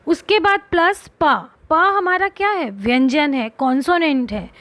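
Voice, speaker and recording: A woman's voice: sits high, expressive, a little slow, fairly bright tone, no room sound. A woman teacher explaining a grammar lesson to young schoolchildren, asking questions and answering them herself, and drawing out single letters and words. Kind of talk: Hindi grammar lesson for children.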